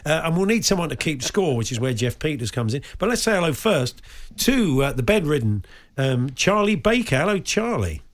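A man's voice: a little high, big pitch swings, brisk. A man co-hosting a casual sports chat, jokey and laughing often. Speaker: podcast co-host.

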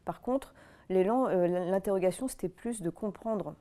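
A woman's voice: mid-range voice, moderate pace, warm tone. A woman in her thirties, an interview guest, talking candidly and reflectively with frequent hesitations. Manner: reflective, hesitant with many fillers.

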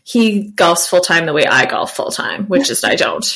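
A woman's voice: on the low side, expressive, normal speed, fairly bright tone. A woman co-hosting a casual chat podcast, blunt and sarcastic. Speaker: podcast co-host.

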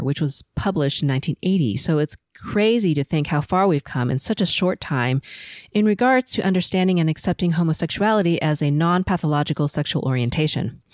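Composed low-voiced woman podcaster. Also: darkish tone, dry recording, studio quality. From Los Angeles, USA. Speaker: podcast host. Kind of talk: autobiographical solo podcast narration.

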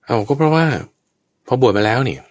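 A man's voice: mid-range voice, expressive, fairly quick, a little mellow, no echo. A man teaching Buddhist Dharma in a conversational way, explaining patiently and checking that his listener understands.

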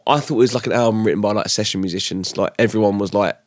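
A man's voice: fairly low pitch, very fast, no room sound, studio quality. A man co-hosting a podcast, giving laid-back, hedging opinions on an album. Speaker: podcast co-host. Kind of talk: casual album review chat.

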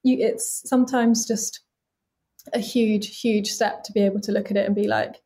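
A young woman in her late twenties chats openly and earnestly as an interview guest. She talks at an easy, unhurried pitch for her age, peppering her speech with "like" fillers. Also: steady tone, dark tone. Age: late 20s. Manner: chatty, open and earnest, many "like" fillers. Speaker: body casting artist, guest. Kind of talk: casual interview conversation.

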